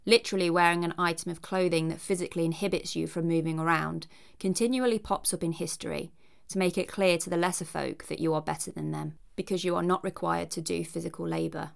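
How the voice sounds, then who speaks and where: A woman reads scripted narration in a low voice with a noticeable creak. She speaks fast and steadily with few pauses, and her delivery is wry and cheeky, sprinkled with conversational asides to the listener.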